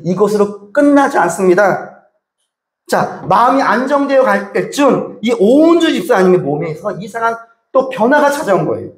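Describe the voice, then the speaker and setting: A male pastor preaches in a high voice, telling a long story and turning often to address his congregation. His words carry through a reverberant church sanctuary. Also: a little mellow. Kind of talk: sermon. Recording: echoey church hall.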